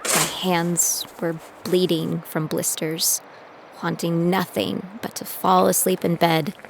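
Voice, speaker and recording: Over prominent music, a woman voices the narrator and lead of an audio drama: a determined young trainee recounting her story in scripted first person, reflectively. Her low voice is slow and flat with vocal fry, and the low-quality studio recording has slight background noise.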